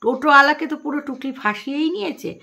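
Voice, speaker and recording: A woman's voice: high-pitched, quick pace, vocal fry, sharp tone. A woman vlogger with a Bengali accent, gossiping and mocking the people she talks about directly to her viewers. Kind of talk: gossipy commentary vlog.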